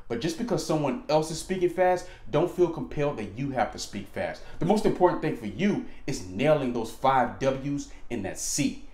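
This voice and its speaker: An American man giving informal instructional talk in an animated, slangy and emphatic way, repeating points for emphasis. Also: mid-range voice. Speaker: aviation instructor, presenter. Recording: echoey room.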